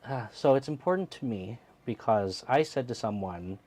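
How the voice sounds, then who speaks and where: A man's voice: medium pitch, expressive, moderate pace, dark tone. A man in his thirties from the United States, speaking in an earnest, reflective way as a guest in an interview. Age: 30s. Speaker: theater co-producer, guest. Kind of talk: interview conversation.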